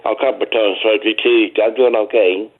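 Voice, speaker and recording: A man's voice: lowish voice, fairly even intonation, fast talker, narrow, tinny audio. An older man from Alabama calling into a radio show over the phone, recovering from surgery and giving plain, short answers. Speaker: radio call-in caller.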